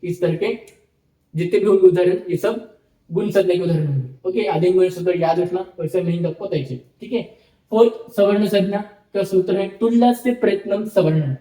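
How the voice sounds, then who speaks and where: High-pitched male teacher, roomy echo. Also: normal speed, warm tone. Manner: explains step by step, repeats terms, checks in with "ठीक है". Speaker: Sanskrit teacher. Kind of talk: online lecture.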